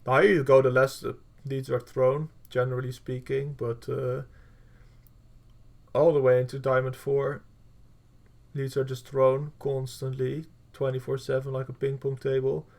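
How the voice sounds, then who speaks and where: Brief: male coach, gravelly voice, middle pitch, blunt and profane while reviewing gameplay, plenty of fillers. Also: flat delivery, moderate pace, darkish tone. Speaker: game coach.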